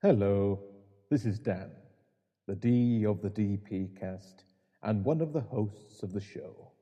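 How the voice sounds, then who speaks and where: A man, the podcast's host and editor, addressing the listeners in a measured, deliberate way. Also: fairly low pitch, warm tone, muffled recording. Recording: long reverb.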